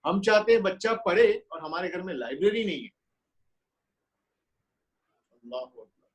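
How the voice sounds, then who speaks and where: A man with a fairly high voice gives an earnest webinar lecture. He asks rhetorical questions and swings between raised, urgent lines and hushed ones. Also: lively intonation, moderate pace, muffled recording. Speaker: webinar speaker on parenting. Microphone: webinar call audio.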